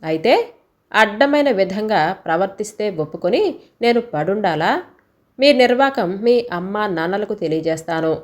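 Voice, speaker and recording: A woman's voice: medium pitch, lively intonation, moderate pace, close to an everyday voice. A woman voices a wounded storybook wife who has run out of patience. She speaks firmly and reproachfully, holding her ground against her husband. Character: hurt, fed-up wife standing her ground.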